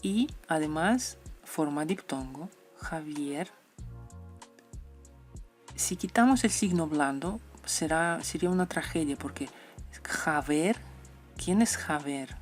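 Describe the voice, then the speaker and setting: Woman, low voice, language teacher, slow repeated sounds, faint music underneath. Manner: repeats example sounds slowly, playful asides. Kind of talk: explaining letters and their pronunciation.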